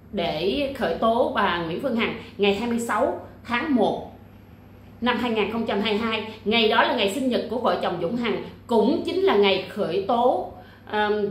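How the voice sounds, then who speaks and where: A woman with a somewhat high voice talks straight to camera in a forceful, repetitive way, peppering her speech with fillers and sharp digs. The sound carries a noticeable room echo. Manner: emphatic, many fillers and repetitions, blunt insults. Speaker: YouTuber discussing a legal case. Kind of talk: casual livestream-style monologue.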